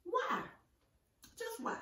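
A middle-aged woman vlogger speaks extremely slowly in a pushed, bright voice, chatting and telling stories during an eating show with her mouth sometimes full. She's in an indoor room with a green-screen backdrop, and the distant microphone picks up a roomy echo.

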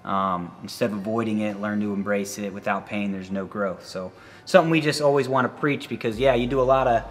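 A man, a college wrestling coach, giving a casual tour of his facility and filling his talk with "you know" and "um". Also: fairly low pitch. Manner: rambling, fills every pause with "you know" and "um".

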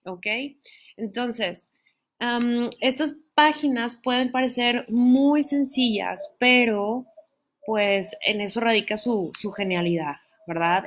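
A woman's voice: mid-range voice, a bit bright. A woman teaching an online pronunciation lesson, explaining step by step and often checking in with her listeners. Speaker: English teacher.

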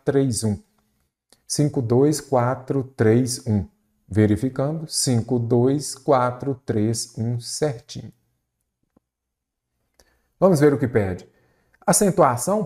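A man's voice: medium pitch, mellow. A male teacher with a Brazilian Portuguese accent, walking through exam questions step by step and asking his listeners questions as he goes. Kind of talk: exam prep lesson.

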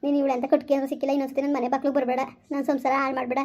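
A woman playing a frightened married village woman in a family skit, pleading desperately and talking fast. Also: high voice, flat delivery, a little mellow, natural voice.

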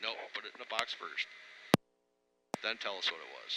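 A man's voice: on the low side, normal speed. A man giving step-by-step instructions as an altitude chamber instructor over an intercom. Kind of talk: instructional briefing and coaching. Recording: clear steady background noise.

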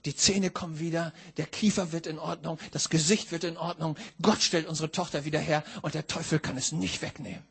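A middle-aged man from northern Germany preaching a sermon, telling a personal story emphatically, dropping low and then rising to shouts. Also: steady tone, fairly quick, vocal fry, hardly any pauses, husky. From Schleswig-Holstein, northern Germany. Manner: emphatic, swings from hushed to shouting.

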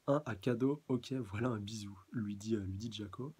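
Mellow, husky-voiced man reviewing manga. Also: fairly low pitch, moderate pace. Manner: hesitant, many fillers and restarts, chuckles often. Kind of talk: casual live chapter review.

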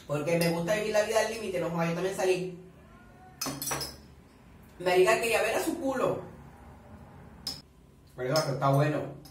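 A man's voice: high voice, expressive, moderate pace, long pauses, a little hiss or hum. A man doing chatty reaction commentary, swearing a lot and eating while he talks. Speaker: reaction vlogger. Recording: very echoey room, far from the mic.

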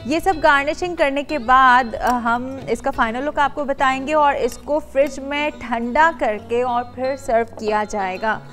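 A woman's voice: sits high, a little slow, hardly any pauses, a bit bright, faint music behind. A woman in her thirties hosting a TV cooking show from a studio kitchen, chatty and talking straight to the viewers. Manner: chatty, addresses viewers directly, many affirming hums. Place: bright studio kitchen set.

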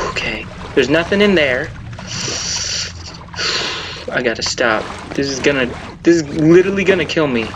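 A man's voice: medium pitch, background noise. A young man giving casual, jumpy gameplay commentary as host of his own video. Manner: jumpy, excitable, yelps when startled. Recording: game sound under the voice. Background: horror game ambience.

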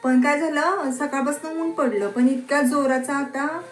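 A woman's voice: high-pitched, measured pace, faint music behind. A woman in her thirties with a rural Marathi accent, chatting casually to viewers in a family vlog and teasing her daughters as she films. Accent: rural Marathi, Satara region. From Maharashtra, India. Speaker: family vlogger and mother. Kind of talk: casual home vlog narration. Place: home with rain outside.

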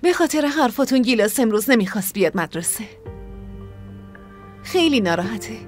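Firm caring older sister. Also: female voice, fairly high pitch, big pitch swings, soft background music. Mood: earnest. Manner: pleading then scolding, earnest. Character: young woman raising her siblings, caring but firm. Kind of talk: Persian dub of a TV drama.

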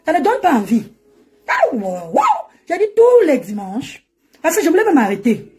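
Woman, high voice, very animated pitch, mocking live-stream rant, laughs often, phone mic. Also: moderate pace.

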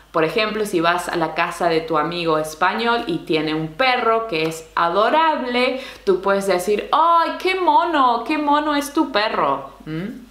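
Lady teaching spanish slang, slow and patient, keeps asking "right?", roomy echo. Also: medium pitch, fairly bright tone. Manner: explains slowly, keeps asking "¿no?" and "¿sí?". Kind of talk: language lesson explaining slang.

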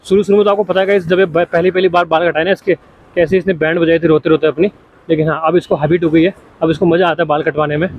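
A man's voice: on the high side, flat delivery, fast, lo-fi sound. A young man talking casually to his viewers as a vlogger, chatty and friendly with the camera. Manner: chatty, addresses viewers as guys. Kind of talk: casual vlog chat.

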